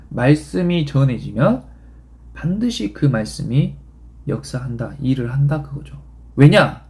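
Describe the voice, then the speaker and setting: Animated male pastor preaching with wide swings. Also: sits high. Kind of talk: sermon.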